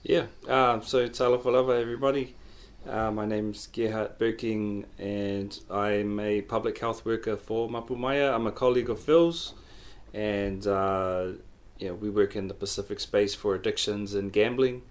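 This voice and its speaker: In a casual interview, a public health worker appears as a guest and explains his work in a relaxed yet hesitant manner. His voice sits on the low side, with a steady tone and slightly slow delivery.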